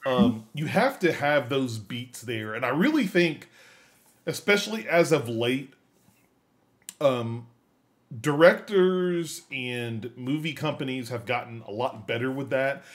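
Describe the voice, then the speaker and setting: A podcast co-host talks slowly but animatedly in a mid-range voice during a casual discussion of films and games. He's emphatic, often repeating and rephrasing his points to drive them home.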